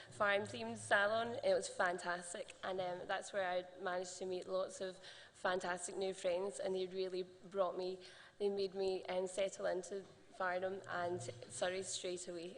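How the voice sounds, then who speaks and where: Chatty, slightly husky woman. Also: mid-range voice. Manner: chatty, giggly, lots of ums. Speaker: festival contestant. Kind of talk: stage interview. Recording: echoey hall.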